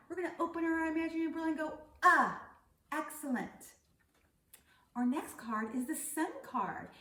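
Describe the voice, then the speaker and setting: A middle-aged woman giving a kindergarten phonics lesson, speaking to small children and stressing key words and letter sounds. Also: fairly high pitch. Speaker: kindergarten teacher. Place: indoor room set up as classroom. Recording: roomy echo, distant mic.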